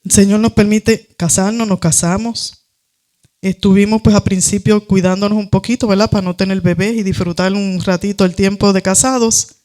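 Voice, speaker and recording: A woman's voice: mid-range voice, fairly even intonation, normal speed, mellow. A woman giving a fervent, conversational testimony sermon in church, speaking straight to her listeners. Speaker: preacher.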